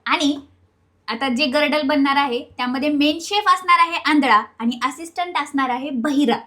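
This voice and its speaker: A woman's voice: high voice, normal speed, sharp tone. A young woman from Maharashtra vlogging a casual couple challenge, bossy and teasing, repeating her words.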